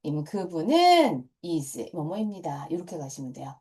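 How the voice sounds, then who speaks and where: In a fairly low, sing-song voice that is a little mellow, she talks at a normal speed while teaching English grammar to middle schoolers. The middle-aged teacher is patient and repetitive, frequently starting lines with "자".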